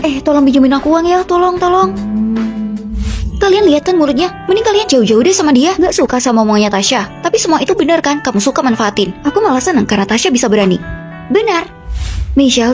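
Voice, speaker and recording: A woman dubbing every role in a short drama, with brisk, clipped line delivery. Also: sits high, darkish tone. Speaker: voice-over dubber of all roles.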